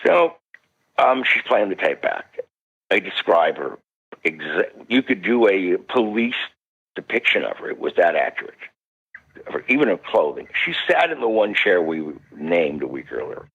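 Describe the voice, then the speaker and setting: On a radio interview recorded in dull lo-fi quality, an older parapsychologist guest tells an animated story at a normal pace. His voice has a breathy edge, and he acts out the voices of the story's characters, rising sharply in pitch when excitement takes over.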